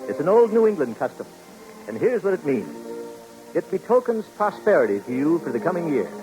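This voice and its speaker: Old radio show guy announcing, high voice, jumps around a lot, faint music behind. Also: sing-song, brisk, dark tone, low-quality recording. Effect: old radio show broadcast.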